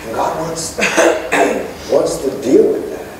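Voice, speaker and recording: Here the middle-aged pastor's medium-pitched voice is slow and dark-toned as he calls out to his congregation from the pulpit, gesturing while he preaches. A pulpit mic recorded from far back gives an echoey, far-off church sound and a little hiss or hum.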